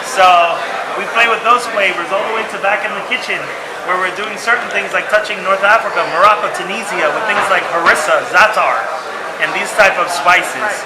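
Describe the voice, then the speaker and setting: A man's voice: high voice, steady tone, brisk. A man who is a chef, talking in an interview, enthusiastic and rambling, with frequent restarts. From San Francisco Bay Area. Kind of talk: casual interview talk. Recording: echoey room with loud background noise.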